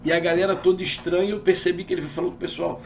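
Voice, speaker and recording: Um pastor de meia-idade, homem com sotaque carioca, contando seu testemunho numa entrevista de forma animada e dramatizando os diálogos. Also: male voice, sits high, rapid-fire, gravelly, far from the mic, slight background noise. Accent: carioca Brazilian Portuguese. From Rio de Janeiro. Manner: animated storyteller, acts out dialogue. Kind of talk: personal testimony in an interview.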